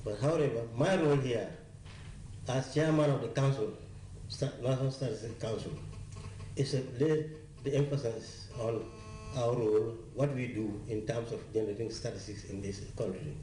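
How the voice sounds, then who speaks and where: Gambian man, official, mellow, distant from the mic, faint room tone. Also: medium pitch, echoey room, a little hiss or hum. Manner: halting, with restarts. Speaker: council chairman. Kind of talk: spoken statement to reporters.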